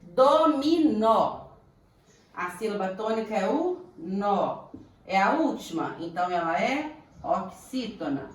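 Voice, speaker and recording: A Brazilian woman teaching a children's grammar lesson, slow and deliberate, stretching words to sound out their syllables. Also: mid-range voice, very animated. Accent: Brazilian Portuguese. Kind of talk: primary school grammar lesson. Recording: echoey room, voice from a distance.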